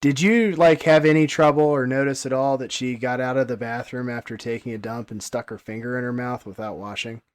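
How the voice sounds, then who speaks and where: Upbeat guy hosting a movie podcast, mid-pitched voice, laughs easily. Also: steady tone, a little fast, few pauses, smooth. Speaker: podcast host. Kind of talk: casual movie-talk chat.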